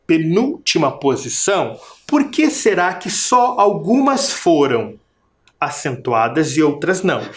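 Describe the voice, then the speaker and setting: A Brazilian man teaching children in a recorded video lesson, with a lively voice that rises and falls freely. He draws out each syllable and stresses it, then turns to his pupils with a question. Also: fairly high pitch. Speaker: primary school teacher.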